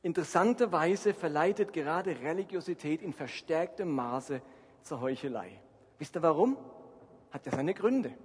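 Husky high-voiced preacher in a reverberant hall. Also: male voice, a little mellow. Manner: emphatic preaching with rhetorical questions to the congregation. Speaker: pastor. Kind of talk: sermon. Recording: long reverb from a large hall.

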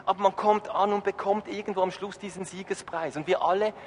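A man's voice: sits high, fairly even intonation, a little fast. A man preaching a sermon, emphatic, putting questions to the congregation. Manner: emphatic, rising and falling. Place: church hall. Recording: reverberant hall, faint noise.

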